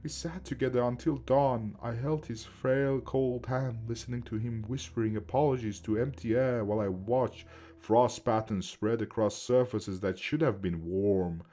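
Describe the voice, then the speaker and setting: A man reading a first-person horror story aloud in a steady, measured way. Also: mid-range voice.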